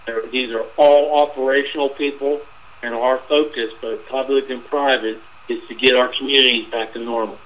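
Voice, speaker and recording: A man walks listeners through slides in a webinar, speaking in an informal way, often starting over and filling gaps with "uh". His voice is going hoarse. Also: mid-range voice, steady tone, moderate pace, fairly bright tone, highs cut off. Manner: informal, repeats himself with fillers. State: losing his voice. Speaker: webinar presenter.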